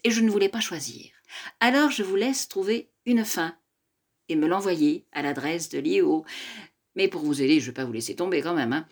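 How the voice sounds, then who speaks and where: Husky low-voiced older woman storyteller. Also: moderate pace. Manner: lively, addresses listeners directly, mixes in Occitan phrases. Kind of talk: oral storytelling.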